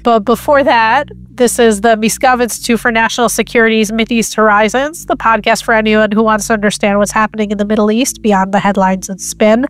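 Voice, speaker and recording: A woman's voice: on the high side, fairly even intonation, a little fast, few pauses. A woman co-hosting a podcast, chatting casually with frequent "like" fillers and laughing asides. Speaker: podcast co-host and political correspondent.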